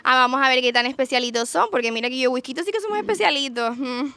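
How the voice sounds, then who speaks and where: A woman's voice: high voice, fast, bright, forceful tone. A woman working as a TV reporter, teasing and joking with the people she interviews and laughing often. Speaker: TV reporter interviewing carnival group members. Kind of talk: playful street interview.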